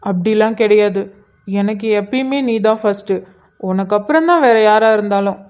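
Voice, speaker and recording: A woman's voice: mid-range voice, normal speed, a little mellow, highs cut off, close to an everyday voice. A woman voicing Arjun, an apologetic young husband and new father in a cartoon, speaking in a subdued way. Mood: reassuring. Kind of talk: cartoon voice acting.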